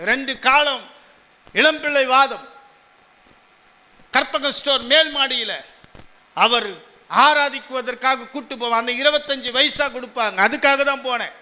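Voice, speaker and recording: A male pastor with a Tamil Nadu accent preaches fervently, pressing his listeners with one rhetorical question after another. His voice sits very high and sounds sharp and piercing. It rings out with the long reverb of a church hall. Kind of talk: sermon.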